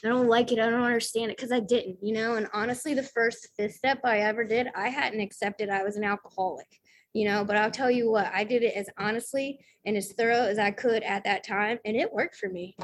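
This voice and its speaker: Southern woman telling her story at a meeting, kinda highish voice, rambly and funny about herself. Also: fairly quick. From American South. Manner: chatty, self-deprecating, full of fillers and acted-out quotes. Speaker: speaker sharing at a recovery meeting. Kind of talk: casual personal testimony.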